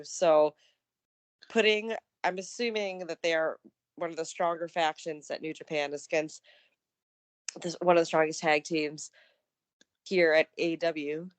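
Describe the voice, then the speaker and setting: A woman with a lowish voice co-hosts a casual recap show. She chats in an upbeat, loose way, full of "um" and restarts. The sound is dry and close, with no room echo. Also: clear, resonant tone. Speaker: co-host of a wrestling news show.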